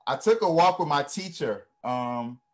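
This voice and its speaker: A man's voice: fairly high pitch, expressive, measured pace, a little mellow. A man from Ghana, speaking earnestly in a reflective, storytelling way and often checking in with "right?" and "you know". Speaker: guest speaker.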